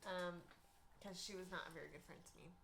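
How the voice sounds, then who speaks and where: A woman's voice: lowish voice, fairly even intonation, quick pace, fairly bright tone, slight background noise. A young woman from Texas hosting a youth ministry livestream from home, chatting casually and giggling as she tells stories.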